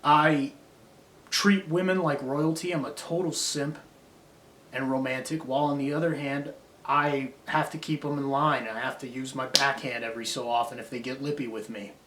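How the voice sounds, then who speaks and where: A man's voice: medium pitch, fairly even intonation, normal speed, background noise. Guy in an echoey room going off on a long swearing rant, mid voice, kinda philosophical and self-hating. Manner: profane, drifting, philosophical ranting. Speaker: vlogger. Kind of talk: rambling self-critical monologue. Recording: roomy echo.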